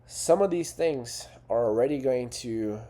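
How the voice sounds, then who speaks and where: A man's voice: mid-range voice, animated, measured pace, warm tone. A man talking as a fitness and life coach, in an earnest, conversational way with frequent rhetorical questions. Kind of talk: coaching talk to camera.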